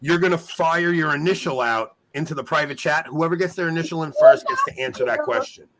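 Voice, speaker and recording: A man's voice: a little high, huge pitch swings, a little fast, very noisy. A man hosting a trivia live stream in casual chat, with a bantering, self-mocking way of talking. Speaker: host of a trivia show.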